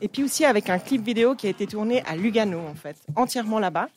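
A woman presents a music segment in a radio studio, telling the story behind a song in a lively, explanatory way. Soft music plays faintly behind her. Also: medium pitch, fast. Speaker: radio columnist.

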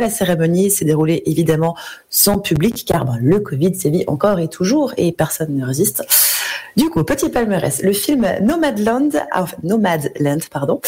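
A woman's voice: fairly low pitch, darkish tone, slightly rough. A woman presenting a celebrity news segment on the radio, chatty and casual, often correcting herself mid-sentence. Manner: chatty, self-correcting, apologizes for her English accent. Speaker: radio entertainment columnist.

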